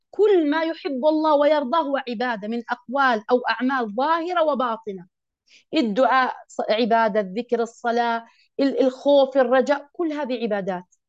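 A woman teaching a religious lesson to women, emphatic and often asking her listeners questions. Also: high-pitched. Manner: emphatic, asks the audience questions. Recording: dull lo-fi recording.

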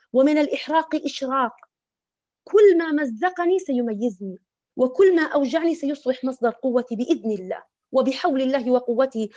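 High-voiced earnest woman preaching. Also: darkish tone, lo-fi sound. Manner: earnest, repetitive, imploring. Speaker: religious counselor. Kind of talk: religious exhortation to women.

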